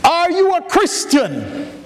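A man's voice: extremely high pitch, wildly swooping pitch, slow, in a large hall, pitched above the performer's own voice, full character voice. A man voicing an eager young preacher just out of Bible school, who asks his questions in an earnest, overly formal way.

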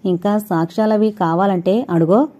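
A woman's voice: mid-range voice, fairly even intonation, moderate pace, mellow, lo-fi sound, natural voice. A woman reading the part of a guarded, teasing man in an audiobook, curt in manner.

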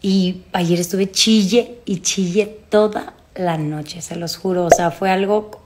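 A woman in her thirties with a Mexican accent, chatting casually and confessionally to followers in a halting, emotional way, recorded on a phone at home. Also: on the low side, fairly even intonation, darkish tone, a little hiss or hum. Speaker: vlogger. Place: small room at home, indoors. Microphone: phone at arm's length.

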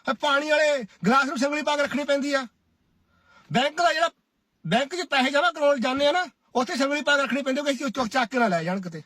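Guy from india with a really high voice, preachy scolding rant, dry close sound. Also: fast talker, sharp tone, dry recording. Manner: preachy, scolding, keeps asking "right?". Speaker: social media commentator. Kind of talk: lecturing duet commentary. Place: Cyprus.

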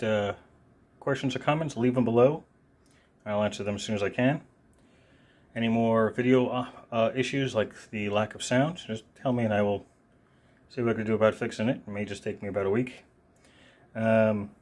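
A man's voice: medium pitch, moderate pace, long pauses, a little mellow. A man giving an unscripted, one-take knife review, talking casually with a lot of ums and uhs. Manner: casual, rambling, many fillers. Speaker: product reviewer.

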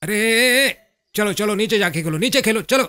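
An actor dubbing a scheming, ruthless middle-aged political boss in a film, speaking in a cold, commanding, deliberate way. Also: male voice, on the high side, sing-song, dry recording. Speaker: villain. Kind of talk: Hindi film dub.

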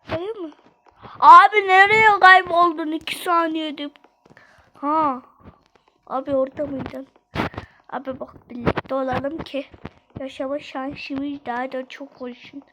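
A woman giving gameplay commentary, excitable, shrieking when scared and pleading or teasing with other players. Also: sits high, measured pace, background noise. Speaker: gamer playing online.

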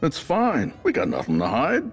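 An actor voicing a big, easygoing, protective furry monster in an animated game, with a husky, gravelly voice. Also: male voice, a little high, moderate pace, soft background music, full character voice. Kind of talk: animated video game acting.

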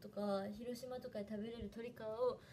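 A woman's voice: a little high, fairly even intonation, normal speed, mellow, a little hiss or hum. A young woman with a Hiroshima dialect, chatting casually on a livestream and thanking viewers by name. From Fukuoka, Japan. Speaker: idol trainee livestreamer.

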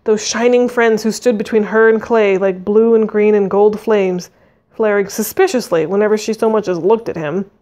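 A woman's voice: medium pitch, fairly even intonation, moderate pace, a little mellow. A woman reading a fantasy novel aloud, narrating expressively and voicing the dialogue. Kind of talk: audiobook reading.

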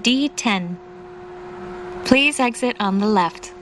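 A woman's slightly high, expressive voice gives a recorded station announcement in English inside a train car. Her delivery is formal, measured, very slow, and carefully enunciated, with faint train noise in the background.

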